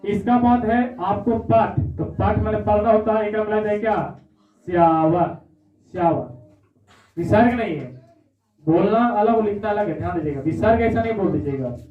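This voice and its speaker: A man's voice: high voice, fairly quick. A man teaching a class, who repeats himself and keeps checking in with "है ना?". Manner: repetitive, checks in with "है ना?". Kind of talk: classroom lesson. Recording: echoey, far-off, phone-like audio.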